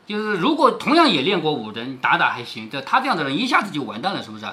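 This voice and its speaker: A man's voice: on the high side, wildly swooping pitch, very fast, sharp tone. A man reading a classic novel aloud to his daughter, stopping often to explain it in chatty asides with rhetorical questions.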